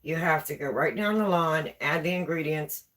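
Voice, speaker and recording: On a relaxed live baking broadcast from home, a woman with a West Virginia accent reads viewer comments aloud, chatting and repeating herself. She talks at a normal speed in a low voice with a fairly bright tone, recorded through a camera on a tripod.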